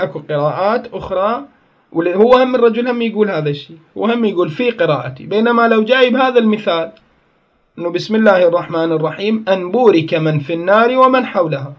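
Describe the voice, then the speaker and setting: Man teaching grammar, higher-pitched. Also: highs cut off. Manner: explains step by step, asks and answers his own questions; tells students to pay attention and write it down. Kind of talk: Arabic grammar lesson.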